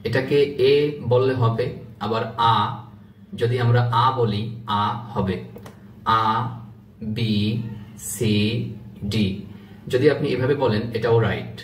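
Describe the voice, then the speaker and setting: A man's voice: lowish voice, slight background noise. Patient man teaching letters in echoey room. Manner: patient, repeats each letter slowly with demonstration. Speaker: English pronunciation teacher. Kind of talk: instructional video lesson. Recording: echoey room from a distance, faint ambience.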